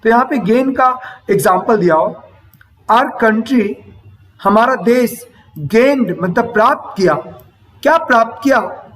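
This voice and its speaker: Slow high-voiced man teaching vocabulary. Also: animated, a bit bright, recorded from a distance, low-quality recording. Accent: Indian English pronunciation. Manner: explains slowly, repeating words and asking "है ना?" after each point. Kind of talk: vocabulary lesson for exams.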